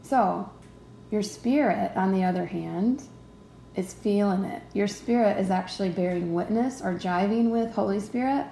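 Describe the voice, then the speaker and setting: A woman's voice: medium pitch, normal speed, gravelly, warm tone, echoey room, a little hiss or hum, poor audio. A woman hosting a devotional teaching podcast, talking conversationally and often checking in with her listeners. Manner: conversational, checks in with "right?" and "okay?". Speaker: podcast host teaching faith.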